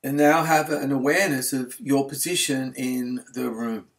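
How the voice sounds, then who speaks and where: Here a yoga nidra instructor, a man with a medium-pitched voice, leads a relaxation meditation. He talks slowly and calmly, choosing soft, soothing words.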